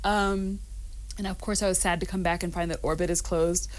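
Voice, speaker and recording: A woman's voice: fairly low pitch, steady tone, a little fast. A woman raised mostly in the United States, giving a radio studio interview as a guest singer-songwriter, speaking in a thoughtful, earnest way with frequent ums and laughs. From Rwanda and Uganda, raised mostly in the United States.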